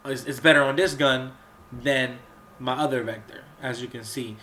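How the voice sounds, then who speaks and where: This gaming channel host, a man with average pitch, comments casually on gameplay at a moderate pace with a steady, sharp tone. He's sick, so his voice sounds slightly off, and he coughs and clears his throat amid rambling fillers and restarts over a faint hiss.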